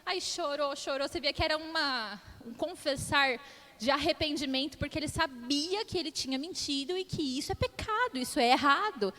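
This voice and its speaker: A woman's voice: sits high, expressive, normal speed, pushed and bright. A woman in her thirties preaching a conversational sermon, telling family stories and often checking in with the congregation. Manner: storytelling with frequent tag questions to the congregation. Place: church hall. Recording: long church hall reverb.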